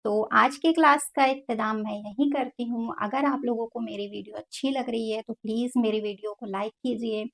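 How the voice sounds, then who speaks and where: A woman's voice: a little high, fairly even intonation, normal speed, creaky, few pauses. A woman teaching Quran recitation who spells out each letter and then draws out each long vowel. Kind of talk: slow step-by-step tajweed lesson.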